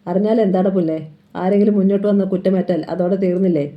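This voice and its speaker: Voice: mid-range voice, fairly even intonation, fast talker, close to an everyday voice. A narrator voicing a fierce, defiant middle-aged strongman who taunts and threatens his enemies, read from a crime novel on a dull lo-fi recording. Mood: scornful. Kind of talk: dramatic novel reading.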